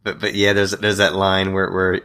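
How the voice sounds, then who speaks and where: A man's voice: low voice, monotone, normal speed, bright, forceful tone, clean tone. A man co-hosting a podcast, chatting casually and animatedly, retelling scenes and quoting lines. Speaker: podcast co-host. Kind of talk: casual chat about bad movies.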